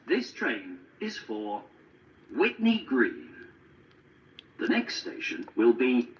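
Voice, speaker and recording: A man voicing an automated onboard train announcement, formal and measured. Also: mid-range voice, huge pitch swings, recorded from a distance, dull audio, slight background noise. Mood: announcing. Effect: onboard train announcement over a speaker.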